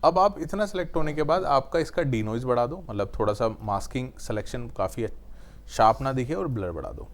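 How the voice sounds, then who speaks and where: In a screen-recorded video editing tutorial, a man with a mid-range voice explains each step briskly and with animation. He mixes in English technical terms and keeps checking in with "right?", often adding the tag question "है ना".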